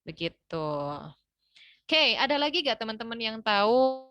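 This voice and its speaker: A woman's voice: fairly high pitch, expressive, measured pace, a bit bright, clean tone, muffled recording. A young woman teaching an online English class, explaining step by step with frequent fillers. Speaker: English tutor.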